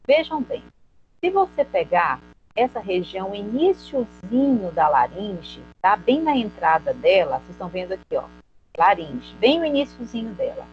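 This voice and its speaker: A woman's voice: medium pitch, highs cut off. A woman with a Brazilian Portuguese accent giving a recorded anatomy lesson, often asking her audience a question and then answering it herself. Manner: explanatory, asks questions and answers them, often adds "tá?". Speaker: teacher.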